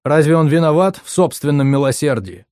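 A male narrator voicing a calm young man who argues in a measured, sardonic way. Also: on the high side, dry recording, clean studio sound, voice pushed up, close to an everyday voice. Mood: calm reasoning.

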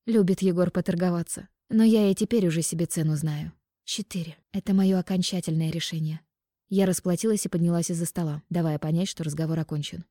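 A woman's voice: on the low side, fast talker, hardly any pauses, mellow, dry recording. A woman narrating a first-person audiobook in a dry, ironic, composed manner. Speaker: audiobook reader.

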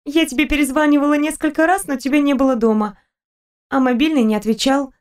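Bubbly young princess gal, a woman reading her lines, high voice, chatty and eager. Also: fairly even intonation, quick pace, natural voice. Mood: concerned. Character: cheerful chatty young fairy-tale princess.

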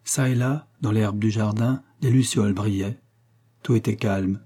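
A man narrating a novel as an audiobook reader, in a measured, literary reading style. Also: fairly low pitch, steady tone, warm tone, breathy edge.

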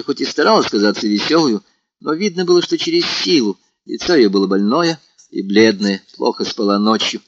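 A man narrates a classic novel in a measured, expressive way. His pitch moves a lot. The sound is dry, close and a little lo-fi. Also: no echo. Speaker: audiobook narrator. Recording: dull, lo-fi sound.

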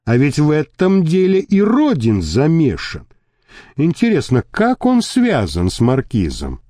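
A man's voice: on the high side, huge pitch swings, a little slow, dark tone, no echo, clean studio sound, exaggerated voice. Man voicing a blustering militia captain. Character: brash, swaggering militia captain, male.

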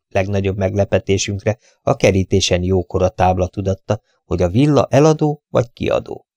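Gravelly male audiobook narrator. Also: low voice, no room sound, studio quality. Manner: calm, even storytelling. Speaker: audiobook reader. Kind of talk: first-person audiobook narration.

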